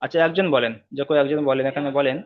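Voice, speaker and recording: A man's voice: medium pitch, rapid-fire, highs cut off. A man teaching Quran reading in an online class, explaining each rule step by step, repeating it, and drawing out the recited example words.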